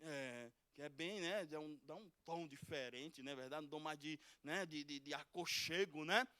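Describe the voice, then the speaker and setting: A middle-aged pastor from Pernambuco, preaching a fervent sermon that swings from loud exhortation to soft pleading. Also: male voice, fairly high pitch, moderate pace, no room sound. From Pernambuco, Brazil. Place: church sanctuary.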